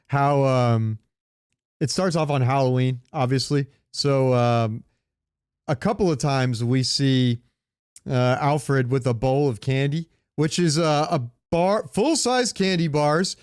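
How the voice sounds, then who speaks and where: Acting as a podcast co-host, a man chats casually and ramblingly about comics and movies, asking questions and swearing now and then. His mid-range voice is unhurried, a little mellow, clear, and resonant, captured with clean studio sound and no room echo.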